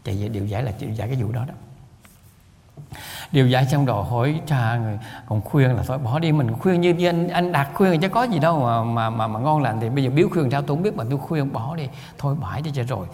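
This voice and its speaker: A man with a Southern Vietnamese accent delivers a Buddhist talk at a quick clip, his voice gravelly and fry-laden. He rambles, stacks repeated words and chuckles as he tells stories. The sound hangs in a long hall reverb. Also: medium pitch, lively intonation, a little mellow. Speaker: Buddhist lay teacher.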